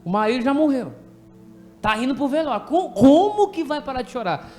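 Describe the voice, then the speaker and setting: A man with a Brazilian Portuguese accent preaching an animated, jokey sermon in a church, directing people from the pulpit to act out a story. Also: extremely high pitch, fairly quick, soft background music. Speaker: pastor. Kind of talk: lively sermon with congregation re-enactment.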